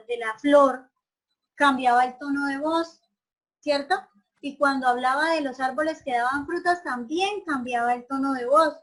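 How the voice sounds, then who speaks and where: A woman's voice: sits high, poor audio. A woman teacher giving an online class. She asks her students many questions and often checks whether they agree.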